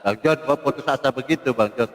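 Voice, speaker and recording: A man moderating an online debate, brisk and repetitive, cutting others off. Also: medium pitch, big-room sound, noisy background. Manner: brisk, cuts people off, repeats himself.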